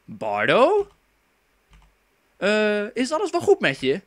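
A man's voice: high-pitched, wildly swooping pitch, slow pace. A young man doing let's play commentary, sarcastic and jokey, swearing often. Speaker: gaming YouTuber. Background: faint game music.

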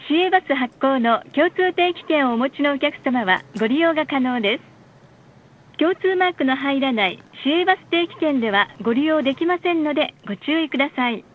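A woman with a very high, expressive voice reads scripted bus stop announcements and ads in a polite, formal manner with measured enunciation. The recording plays inside a bus through a narrow onboard speaker, sounding muffled and lo-fi.

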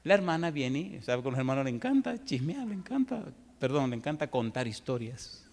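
A man's voice: medium pitch, moderate pace, creaky. A man from the preaching a sermon, telling stories vividly. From Dominican Republic. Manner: lively storytelling, acting out the people in his stories. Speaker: pastor. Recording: echoey hall.

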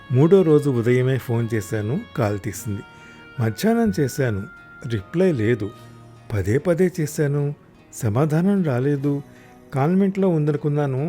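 A man narrating a first-person audio story, raising his voice loudly in the angry husband's lines. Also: a little high.

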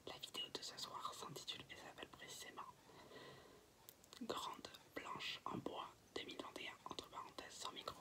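Young man whispering slow ASMR. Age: teens to young adult. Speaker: ASMR channel host. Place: small bedroom, indoors. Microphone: built-in device mic at arm's length, no external microphone.

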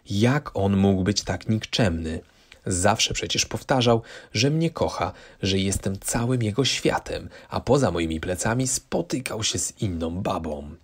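A man reading a first-person true-life story as scripted narration, steady and measured. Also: fairly low pitch, slightly rough.

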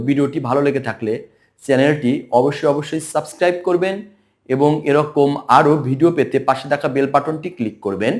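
Man slowly spelling out English words. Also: medium pitch. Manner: spells words letter by letter, then says them slowly and deliberately. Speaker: English pronunciation teacher. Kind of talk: recorded lesson narration.

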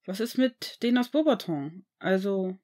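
A woman voicing an eager, pushy teenage boy wizard who speaks quickly and a little awkwardly in a fan-fiction audiobook. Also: mid-range voice, expressive, mellow, close to an everyday voice.

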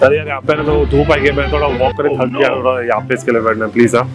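A man's voice: mid-range voice, little pitch movement, very fast, loud music behind the voice. A young man pranking strangers in a park, cooing sweet baby talk to a supposed girlfriend on a video call and turning coaxing and sheepish with the people beside him. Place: outdoor park bench.

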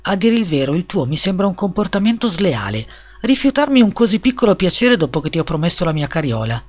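A man's voice: high-pitched, very animated, fast, voice pushed up. A man reading a storybook and voicing a greedy, self-serving miller who wheedles and preaches about friendship. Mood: insistente. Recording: slightly dull lo-fi recording.

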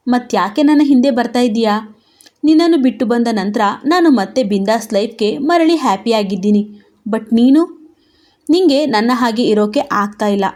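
A proud young wife in a storybook reading, hurt yet defiant, snapping back with bitter, sharp words, voiced by the woman narrator. Her voice sits fairly high. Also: close to an everyday voice.

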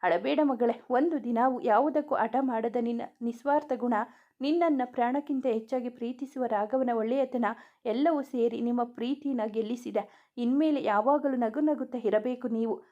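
A woman narrator plays a gentle older father comforting his daughter in a storybook romance. She keeps a mellow, somewhat high tone. The sound is a bit dull. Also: moderate pace, lightly acted. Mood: tender. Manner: soft, consoling. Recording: dull lo-fi recording.

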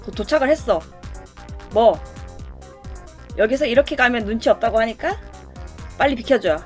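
High-voiced woman playing a game. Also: quick pace, faint music behind. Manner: chatty, playful exclamations and self-talk. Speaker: game streamer. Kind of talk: casual let's-play commentary.

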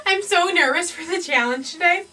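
Melodramatic young contestant, played by a woman; very high and bright, distant mic. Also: normal speed. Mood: teary. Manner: melodramatic, teary diary confessions. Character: emotional young female reality-show contestant. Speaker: narrator and contestant.

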